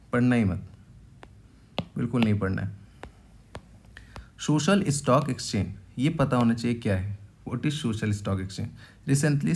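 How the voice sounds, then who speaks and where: A man teaching a quick exam revision lecture, bluntly dismissing topics that don't matter and reading English passages slowly, word by word. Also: medium pitch, a little mellow. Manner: blunt, dismissive of unimportant topics, mixes English read-outs into Hindi.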